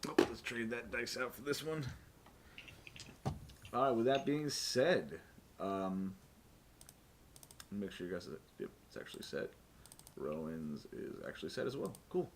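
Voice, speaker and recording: This game master's voice is on the low side, animated and unhurried, and he pauses often. He narrates a tabletop role-playing game casually for a live stream, cracking jokes and swearing without restraint. Background noise is clearly audible, along with keyboard and mouse clicks.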